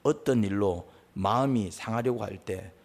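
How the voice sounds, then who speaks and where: A male pastor preaching a sermon, asking the congregation questions and acting out quarrels in raised voices. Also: normal speed. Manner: animated, asks the congregation questions, acts out quarrels in high voices.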